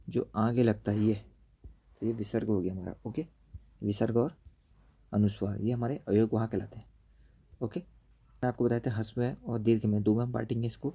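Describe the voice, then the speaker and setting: A man's voice: fairly low pitch, steady tone, normal speed, long pauses, mellow, husky. A man teaching an exam-prep grammar lesson, explaining step by step and checking in with "okay" after each point.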